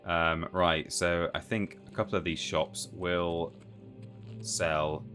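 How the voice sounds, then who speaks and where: A man's voice: low voice, little pitch movement, slow pace, over music. A man giving casual game commentary on a live stream, rambling and thinking aloud.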